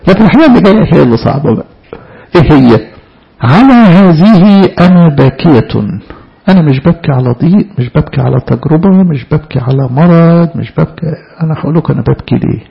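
Husky, gravelly Egyptian preacher man. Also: fairly high pitch, animated, very fast. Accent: Egyptian Arabic. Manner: asks rhetorical questions and answers them himself. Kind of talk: sermon. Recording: dull lo-fi recording.

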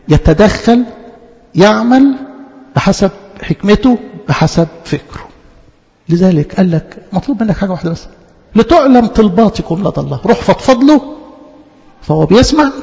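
A man's voice: sits high, vocal fry, darkish tone, in a large hall, highs cut off. A man with an Egyptian accent preaching a conversational sermon, speaking straight to the congregation and repeating key words.

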